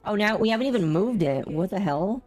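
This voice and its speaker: A woman's voice: medium pitch, animated, fairly quick, darkish tone, soft background music. A woman streamer chatting casually while she plays a game, her voice run through a robotic voice changer that makes it sound metallic. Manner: chatty, amused running commentary. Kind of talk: casual live-stream chat while gaming.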